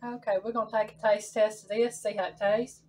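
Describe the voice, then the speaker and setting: A woman's voice: medium pitch, level tone, brisk, a little mellow, distant mic, slight background noise. A woman, hosting a casual home cooking demonstration in her kitchen and chatting folksily to viewers. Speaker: home cooking channel host.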